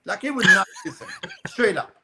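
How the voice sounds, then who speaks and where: A man who races RC cars, telling rambling, animated stories in a casual podcast chat with many fillers. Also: high-pitched, moderate pace, vocal fry, very noisy. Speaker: guest, RC car racer.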